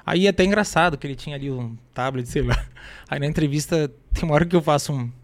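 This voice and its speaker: Brazilian man with a high voice, telling stories. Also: quick pace. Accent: Brazilian Portuguese. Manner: animated storyteller with street slang. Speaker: guest. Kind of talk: casual storytelling interview.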